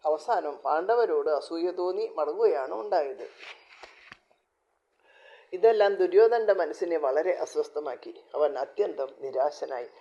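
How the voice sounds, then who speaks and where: Man reading an old epic story, calm and steady, mellow kinda higher voice, dull lo-fi sound. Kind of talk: scripted epic narration.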